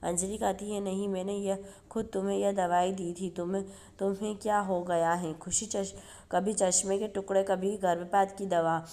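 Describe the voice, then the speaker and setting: A woman reads a TV episode recap for her channel in a mellow, soft-edged voice. Her pitch stays flat and level. She reads the characters' lines in her own voice instead of acting them. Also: moderate pace. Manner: steady read-through, reads quoted dialogue in her own voice. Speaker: YouTube channel host. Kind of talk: reading a TV serial episode recap.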